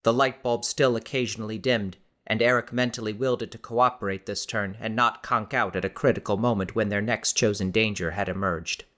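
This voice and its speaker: A male audiobook narrator reading a suspenseful story. His delivery stays steady and measured throughout. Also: lowish voice. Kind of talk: scripted narration.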